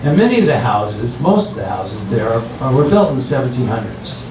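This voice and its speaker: Older man, stand-up in front of an audience, animated delivery, halting restarts, echoey room, far from the mic, heavy noise. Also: medium pitch. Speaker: stand-up comedian. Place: room with an audience, recorded from a distance. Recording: roomy, distant mic, very noisy.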